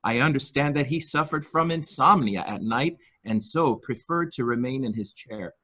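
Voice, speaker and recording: With a bright, forceful tone, medium pitch, lively intonation and moderate pace, a man performs a murder mystery role. His character is a primly servile male nurse-attendant to a rich invalid who speaks formally, hesitantly and obsequiously, in a nervously formal mood.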